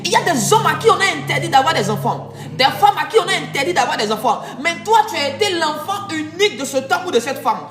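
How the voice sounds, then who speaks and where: High pitched lady preacher, sing-song emphatic, music playing under, echoey. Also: big pitch swings. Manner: emphatic preaching with sung, drawn-out phrases. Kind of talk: sermon. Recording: echoey room with music behind.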